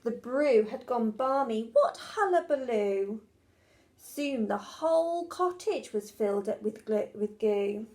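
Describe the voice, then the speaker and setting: A woman's voice: on the high side, lively intonation, slow, a little mellow. A woman teacher reading a rhyming children's storybook aloud in a rhythmic, sing-song way.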